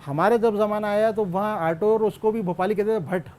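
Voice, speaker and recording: Mellow high-voiced man reflecting. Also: fairly even intonation, a little fast, a little hiss or hum. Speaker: interviewee. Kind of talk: reflective documentary interview. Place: indoor room.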